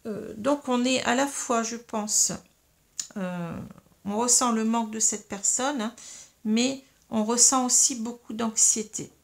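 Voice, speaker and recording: Gravelly-voiced woman reading tarot cards. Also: a little high. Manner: explains slowly to viewers, many fillers and "hein". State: slight frog in the throat. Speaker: tarot reader.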